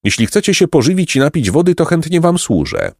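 A man voicing a kindly, wise hermit over a hundred years old, speaking gently and with a chuckle, in a storybook reading. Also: a little high, huge pitch swings, a little fast, gravelly, dry recording, studio quality, pitched above the performer's own voice, heavily acted. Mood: gentle. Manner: gentle, sweet-voiced, chuckling. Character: kindly ancient male hermit, wise and merry.

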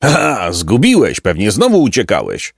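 A man's voice: on the low side, wildly swooping pitch, moderate pace, vocal fry, no echo, studio quality, full character voice. A man voicing a stern, impatient robber captain who barks orders at his gang. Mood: scolding. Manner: shouting roll-call orders.

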